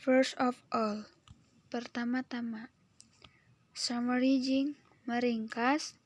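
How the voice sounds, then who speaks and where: A young woman with an Indonesian accent reads English phrases slowly and carefully, each followed by its translation, with some hesitant English. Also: a little high, level tone, darkish tone, no echo. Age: young adult. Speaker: student presenting a lesson.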